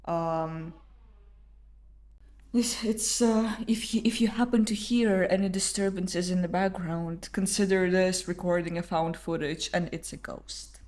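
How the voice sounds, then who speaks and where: A woman's voice: lowish voice, fairly even intonation, measured pace, a little mellow. A woman co-hosting a casual, informal film discussion, swearing now and then. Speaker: podcast co-host. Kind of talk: casual chat about films. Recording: roomy echo.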